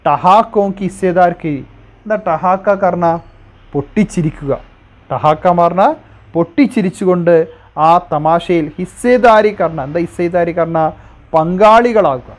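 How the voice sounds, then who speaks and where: A man with a Malayali accent, his voice pitched a little high, teaches a Hindi lesson phrase by phrase. He reads a line, translates it, then asks questions to check it, in a patient classroom rhythm.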